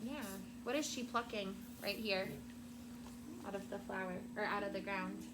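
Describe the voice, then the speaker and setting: In a very noisy classroom recording, a female elementary school teacher reads a storybook to children. Her mid-range voice is expressive and deliberate, and she stops to prompt them with questions.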